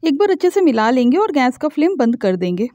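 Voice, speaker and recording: A woman, the host of a cooking channel, calmly explaining each step of a recipe in a home-kitchen voice-over. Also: high voice, fast, dry recording, studio quality. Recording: dull lo-fi voice-over.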